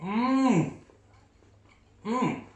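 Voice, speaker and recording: A man's voice: extremely high pitch, lively intonation, extremely slow. A man hosting a food tasting, chatting enthusiastically as he eats and rates each bite. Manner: enthusiastic, talks while chewing. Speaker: food reviewer host. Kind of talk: casual food tasting commentary. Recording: echoey room.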